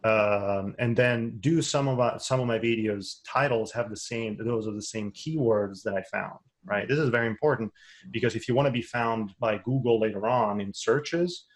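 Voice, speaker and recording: With a lowish voice at normal speed, a non-native English-speaking man gives a webinar lecture as a course instructor. His style is conversational, full of restarts and repeated words.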